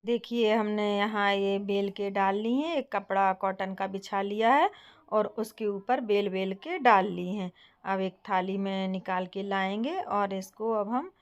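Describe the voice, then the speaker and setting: A young woman from Bundelkhand hosting her home cooking channel, calmly explaining each step to viewers. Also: medium pitch, unhurried, smooth. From Bundelkhand, India. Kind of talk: casual cooking tutorial.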